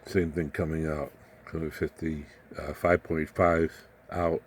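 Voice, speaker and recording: This hobbyist presenter has a very deep, level voice and talks a little slowly through an informal electronics demo. His manner is plain-spoken, folksy and rambling, and the recording carries room ambience and clear background noise.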